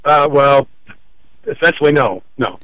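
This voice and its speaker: A man's voice: medium pitch, lively intonation, a little slow, no echo. A man calling in to a radio show over the phone, explaining his complaint step by step. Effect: heard over a phone line. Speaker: caller to a consumer-advice radio show. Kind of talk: call-in conversation. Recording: muffled dry phone line.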